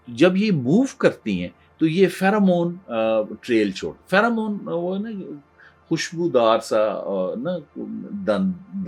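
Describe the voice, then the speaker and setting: A male professor, lecturing in an animated storytelling way with fillers and restarts. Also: mid-range voice, husky. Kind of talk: lecture on creativity. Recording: faint background music.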